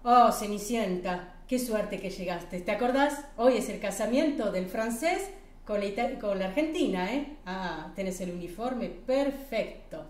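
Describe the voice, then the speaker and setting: A woman's voice: medium pitch, expressive, moderate pace, lightly acted. A woman doing a jolly little caterer man. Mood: delighted. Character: small jovial middle-aged male caterer. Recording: roomy hall, distant mic.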